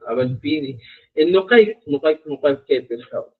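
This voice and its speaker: A man teaching a live online Quechua lesson, repeating examples slowly and checking in with his students. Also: on the high side, animated. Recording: tinny phone-like live stream audio.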